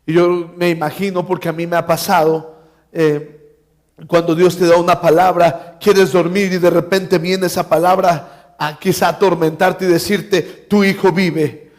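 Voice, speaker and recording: A man's voice: sits high, little pitch movement, moderate pace. A man preaching a sermon in a church, telling stories and acting out bits of dialogue with humor.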